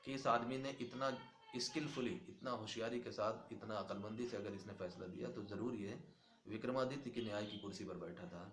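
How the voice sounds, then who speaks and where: Lowish man teaching, echoey room. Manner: reads English lines slowly, then explains each in Hindi. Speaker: English teacher. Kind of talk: classroom lesson explaining a text. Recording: echoey room, faint background noise.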